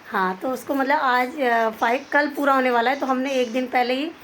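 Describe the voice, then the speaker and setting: A woman's voice: high-pitched, normal speed, fairly bright tone, slight background noise. A young woman chatting casually to her viewers in a family home, explaining everything as she goes. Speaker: vlogger. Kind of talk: casual vlog narration.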